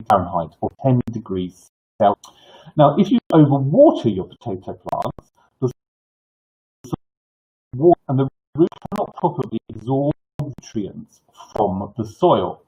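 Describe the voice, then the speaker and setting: An older man hosts an informal live clinic in a husky, toothless voice with soft, slurred consonants. He rambles haltingly, often restarting and repeating himself. The sound is dull and lo-fi. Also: medium pitch. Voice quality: toothless, slightly slurred articulation. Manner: halting, rambling delivery with false starts and repetitions. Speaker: gardening clinic host. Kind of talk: informal live advice, answering viewer questions.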